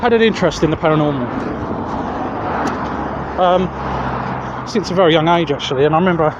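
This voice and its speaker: A male vlog host with a southeast English accent chats casually to camera while walking along roads outdoors, his high-pitched voice rambling and hesitant at a moderate pace. He holds an external mic, and the muffled street audio is full of loud traffic noise.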